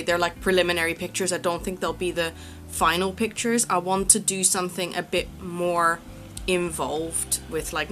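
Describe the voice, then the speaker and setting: A woman talks casually to camera in an artist's vlog. Her voice sits on the low side but has a bright, crisp edge. She thinks aloud and pokes gentle fun at herself as she goes. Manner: reflective and self-deprecating, thinking aloud. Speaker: artist vlogger.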